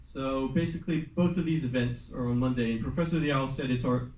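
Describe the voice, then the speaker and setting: A man's voice: medium pitch, a little fast, darkish tone, a little hiss or hum. A young man, a student club president, casually presenting the semester plan to a class, with lots of fillers and some switches into Mandarin. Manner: loose and chatty, many fillers, switches into Mandarin at times. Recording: echoey classroom from far off.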